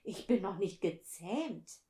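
A woman voicing a wise, gentle male fox who longs for a friend, reading slowly and wistfully in a storybook. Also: mid-range voice, lively intonation. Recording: roomy echo.

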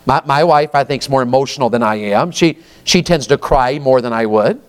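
A man's voice: mid-range voice, fairly quick, smooth. A man, preaching a folksy sermon and often asking the congregation questions. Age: 50s.

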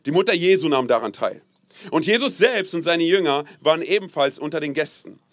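Young male pastor, casual animated sermon, slightly high voice, dry close sound. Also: brisk, dry recording. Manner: casual, animated, peppered with "hey" and "so, ne?"; has the audience repeat phrases aloud. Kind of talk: lively sermon.

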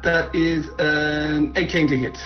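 A man with a slightly high voice plays a tabletop game, talking casually and haltingly through his moves. The audio is somewhat dull, with music behind him. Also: level tone.

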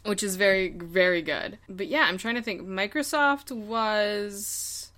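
A woman's voice: medium pitch, a little slow, fairly bright tone. A woman co-hosting a casual chat, rambling and searching for words, laughing often. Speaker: podcast co-host. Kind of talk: casual chat about games.

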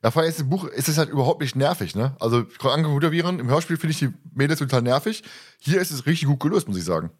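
A man's voice: a little high, expressive, fast talker. A man hosting a casual podcast chat, talkative with frequent self-corrections, who also reads aloud from a book. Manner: chatty, laughing, with self-corrections. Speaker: podcast host.

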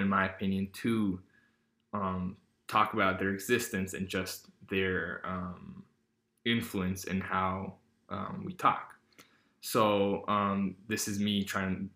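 A teenage boy hosts a casual podcast, rambling with lots of fillers and restarts. His voice is deep and sharp in tone, and the room sounds echoey.

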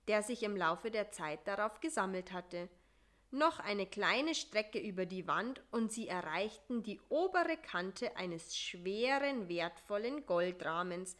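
A woman narrating a children's story at an unhurried, very slow pace, in a calm and measured voice of middling pitch. Her reading is steady and clear.

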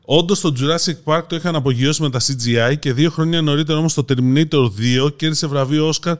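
A man from Greece hosting a casual podcast, reading listener comments aloud with wry asides. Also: on the high side. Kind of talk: casual chat.

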